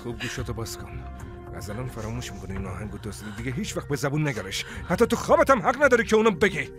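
A man's voice: mid-range voice, expressive, lightly acted. An actor playing a stern, threatening older man who gives cold orders in a dubbed drama. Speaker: dubbing actor. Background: background music.

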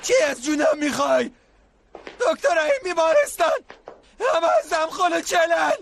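A man's voice: extremely high pitch, little pitch movement, bright, forceful tone, slight background noise. A man voicing a frightened, violent male addict patient in a dubbed drama, screaming and threatening. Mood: furious. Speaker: hospital patient.

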